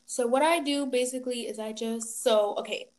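A young woman co-hosting a casual chat podcast, talking in a chatty way that gets animated when she is passionate. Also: fairly high pitch, moderate pace. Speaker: podcast co-host. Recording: faint background noise.

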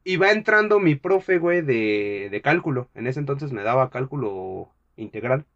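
A man's voice: mid-range voice, normal speed, muffled recording. A young man with a Mexican Spanish accent, chatting casually as a podcast host and telling a story full of slang, acting out what people said. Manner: animated storyteller, slangy, acts out quotes. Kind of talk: casual chat.

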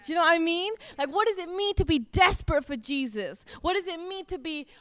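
A woman's voice: very high voice, animated, fairly quick, fairly bright tone, no room sound. A woman giving an earnest, informal sermon, talking conversationally with many fillers. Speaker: worship speaker. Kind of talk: informal preaching.

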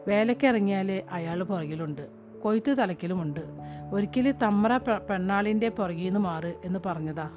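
A woman voicing a frightened, wary young farmhand woman who confides quietly. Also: mid-range voice, animated, moderate pace, music in the background, natural voice. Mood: troubled.

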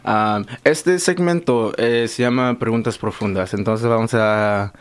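A man's voice: mid-range voice, a little slow, clean tone. A man born in Mexico hosting a live radio show, chatting casually with his guest and often ending questions with a tag. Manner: chatty, tags questions with "¿verdad?". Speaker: radio host.

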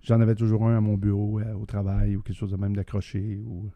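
Middle-aged Québécois man, deep mellow voice, dry close sound, loose rambling chat. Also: monotone, quick pace, no echo. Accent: Québécois French. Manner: rambling, many restarts and fillers, laughs often. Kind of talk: casual chat.

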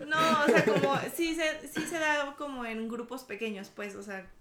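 A woman's voice: high-pitched, animated, moderate pace, a loud crowd. A young woman from Mexico City with a Mexican accent, co-hosting a casual chat and rambling along with lots of fillers. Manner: chatty, rambling with many fillers. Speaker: podcast co-host. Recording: echoey room.

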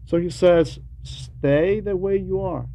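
A religious teacher reads a translated homily to a class in a high, warm voice, speaking deliberately and didactically. He pauses between short phrases, repeats words for emphasis and asks rhetorical questions. The recording is dull and lo-fi, with faint noise.

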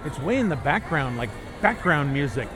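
A man hosting a casual walk-around chat outdoors, rambling in a halting way. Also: fairly high pitch, sing-song, over music. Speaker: podcast host. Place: outdoors walking through a busy theme park. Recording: outdoor park noise and crowd.

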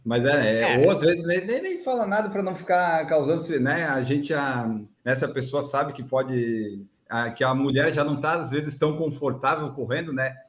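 A man's voice: on the high side, lively intonation, normal speed, lo-fi sound. A man co-hosting a podcast, chatting casually in a hesitant, rambling way with frequent restarts. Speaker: podcast co-host. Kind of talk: casual chat. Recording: echoey room.

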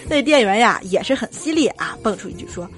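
A young woman performing a stand-up comedy story, animated and trailing her phrases with drawn-out particles. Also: fairly high pitch, faint music behind. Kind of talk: comic storytelling monologue.

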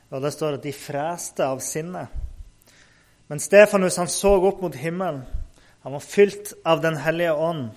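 A man with a somewhat high voice retells a Bible story in a relaxed, unscripted way. He pauses with fillers and restarts as he goes. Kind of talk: casual Bible story narration.

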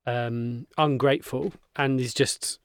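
Chatty man with a smooth voice. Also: medium pitch, fairly even intonation, slow pace, no room sound, clean studio sound. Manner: chatty, laughing, self-mocking. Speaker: podcast co-host. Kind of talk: casual film review chat.

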